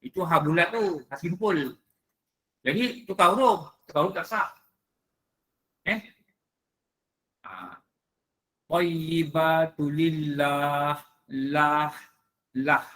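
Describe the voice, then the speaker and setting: A man's voice: fairly high pitch, sing-song, slow, pauses often, sharp tone. Emphatic man quizzing his class. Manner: drilling, quizzing listeners with rhetorical questions; emphatic, repeats rules in short clipped phrases. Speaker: religious teacher. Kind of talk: mosque lecture on prayer recitation. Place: prayer hall.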